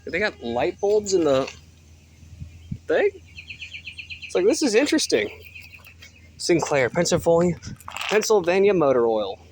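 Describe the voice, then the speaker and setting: A high-voiced man rambles through a casual outdoor vlog on his delivery route, swearing freely as his pitch leaps up and down. He talks into his handheld phone, with faint outdoor ambience behind him. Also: unhurried, pauses often, a little hiss or hum. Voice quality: profane, rambling, lively swings in pitch. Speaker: delivery driver vlogger.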